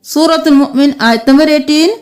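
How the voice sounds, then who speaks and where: A woman teaching a tajweed reading lesson. She draws each recited word out slowly, then spells out the letters in quick plain explanations. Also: high voice.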